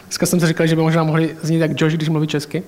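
A man's voice: on the high side, monotone, a little mellow, slight background noise. A man preaching a sermon in a colloquial, chatty way, mixing in personal anecdotes and asides.

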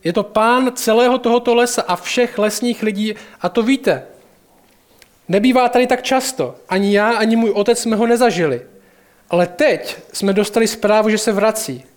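A man's voice: sits high, voice pushed up, lightly acted. A man reading aloud as an earnest, proud talking male beaver from a storybook.

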